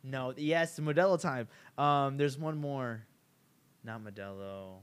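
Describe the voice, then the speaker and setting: A man in casual podcast chat, telling stories with lots of swearing and sudden high-pitched outbursts. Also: slow pace, clear, resonant tone. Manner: animated storyteller, swears freely, jumps to high-pitched outbursts.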